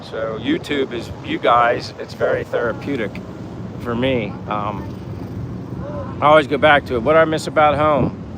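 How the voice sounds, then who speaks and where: With wind and passing vehicles filling the noisy outdoor background, a medium-pitched male vlogger streams informally in the daytime Philippines. He wanders through casual chat while reading out comments from viewers.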